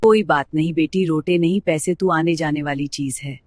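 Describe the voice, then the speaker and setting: A woman voicing a kind, caring grandmother in a family drama, speaking softly and reassuringly. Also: low voice, moderate pace, dry recording. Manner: soft, gentle, reassuring.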